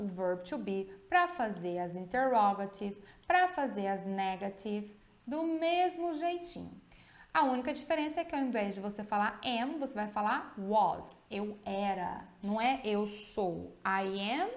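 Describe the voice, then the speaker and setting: A woman's voice: mid-range voice, echoey room. A Brazilian woman teaching English grammar in a video lesson, explaining step by step and often checking in with tag questions. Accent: Brazilian Portuguese.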